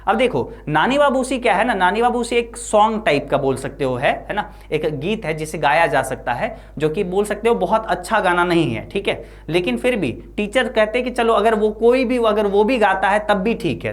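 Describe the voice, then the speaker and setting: A woman's voice: mid-range voice, animated. Woman teaching. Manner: reads English lines slowly, then explains in Hindi with frequent tag questions. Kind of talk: line-by-line lesson explanation.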